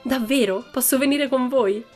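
A woman reading aloud who voices a cheeky, boastful little girl spinning tall tales in a playful, bright way. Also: medium pitch, sing-song, fairly quick, soft background music, voice pushed up, natural voice. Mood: excited.

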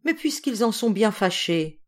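A woman reading an audiobook who voices a gentle, well-behaved little boy in a soft, reasonable tone. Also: medium pitch, sing-song, a little slow, voice pushed up.

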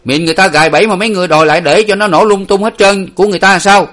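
Man shouting as a gruff forest guard. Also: sits high, fairly even intonation, racing, voice pushed up. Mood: barking. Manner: shouting, barking orders. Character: gruff hidden male guard, harsh and impatient.

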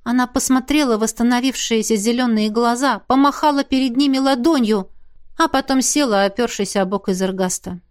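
A woman's voice: a little high, brisk, clean tone. Woman narrating a fantasy audiobook.

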